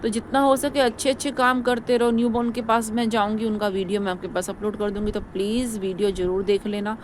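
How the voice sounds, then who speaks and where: A woman's voice: mid-range voice, little pitch movement, fast, slight background noise. A woman vlogger giving her opinions in a casual, rambling way, repeating herself and lecturing her viewers. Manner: rambling, repetitive, preachy.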